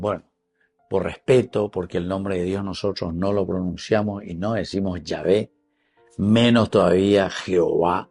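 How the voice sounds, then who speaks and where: Speaking with a Paraguayan Spanish accent and mixing in Guarani, a man gives a teaching Bible reflection. His voice is low-pitched and darkish with a breathy edge, and he explains slowly, repeats key words, and calls his listeners dear friends.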